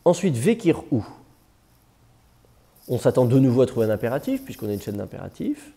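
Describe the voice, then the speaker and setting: A man lecturing to a small class in a relaxed, mellow voice. He walks students through the text step by step and patiently corrects their pronunciation as they read. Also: mid-range voice, a little fast, gravelly, husky. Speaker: teacher of biblical Hebrew.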